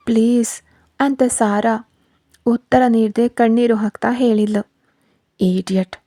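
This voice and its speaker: Dark-voiced woman narrating a story. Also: medium pitch, dry recording.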